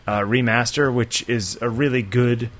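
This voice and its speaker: A man's voice: medium pitch, fairly even intonation, normal speed. Rambling casual man chatting. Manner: rambling, casual, swears offhandedly. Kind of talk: casual chat.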